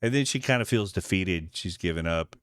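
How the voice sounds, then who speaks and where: A man with a lowish voice talks casually through a short film he scored, narrating each moment. He drops into playful quoted lines for the character's thoughts and laughs along as he goes. The sound is close and dry, with no room around it. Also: expressive, a little fast, fairly bright tone, clean tone, dry recording. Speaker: composer breaking down his film score.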